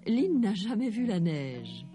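A kind talking hollyhock from a storybook garden, friendly and chatty with a lively voice, as a woman narrator puts it on. Gentle music plays underneath. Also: mid-range voice, takes it slowly, pitched above the performer's own voice. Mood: caring. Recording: storybook reading over music.

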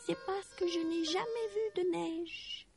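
Woman reading as a little storybook girl, high, soft, wistful, music behind. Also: unhurried, creaky, full character voice. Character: sad sweet little girl longing for snow.

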